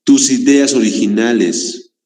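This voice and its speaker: Slow-talking male teacher in echoey room. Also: mid-range voice, a little mellow. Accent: Bolivian Spanish. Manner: asks the class frequent rhetorical questions. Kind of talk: online class lecture. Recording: echoey room, long reverb.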